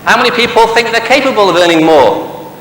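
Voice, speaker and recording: Speaking a little fast in a high, animated, fairly bright voice, a Manchester-born sales trainer with a Mancunian accent motivates a live audience in a large hall. He quizzes them with rhetorical questions and jokes, and the recording carries long reverb and a faint hum.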